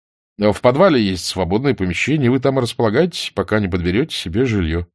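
A male narrator voicing an old bookish man who speaks in a measured, reproachful manner. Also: on the low side, animated, dry recording, clean studio sound. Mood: calm. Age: older. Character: old bookish man, stern then gentle.

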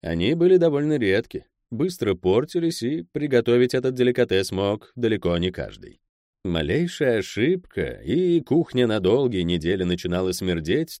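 A man narrating a fantasy novel in an expressive, lively reading. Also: lowish voice, no echo, clean studio sound. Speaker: audiobook narrator.

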